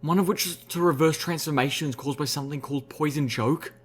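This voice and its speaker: A man's voice: on the high side, brisk, breathy edge. A man voicing a cautious, thoughtful young mare heroine in an audiobook reading, speaking carefully and hesitantly. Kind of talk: audiobook character voice.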